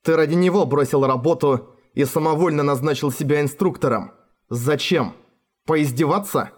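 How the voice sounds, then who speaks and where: A man's voice: fairly high pitch, moderate pace, natural voice. A man voicing a stern older woman who questions and accuses with pressing force. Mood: accusing. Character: stern, furious older woman interrogator, a grandmother.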